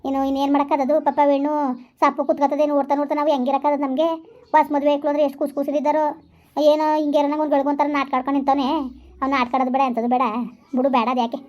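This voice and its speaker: A woman's voice: sits high, flat delivery, very fast, a little mellow, voice pushed down, natural voice. Woman doing a weary village parent. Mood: weary lament. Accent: rural Karnataka Kannada. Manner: weary, resigned lament. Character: worried middle-aged village parent of a bride.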